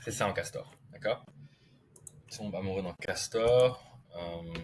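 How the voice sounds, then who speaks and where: A man tutoring beginners, telling a silly story slowly, repeating key words and checking that learners follow. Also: sits low, a little mellow, slight background noise. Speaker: language tutor. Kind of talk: slow storytelling lesson for beginners.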